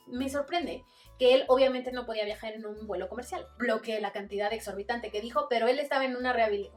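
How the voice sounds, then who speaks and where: A woman's voice: on the high side, distant mic. A woman with a Mexican accent, chatting casually in a book review vlog and acting out little quoted exchanges. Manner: chatty, acts out quotes with voices.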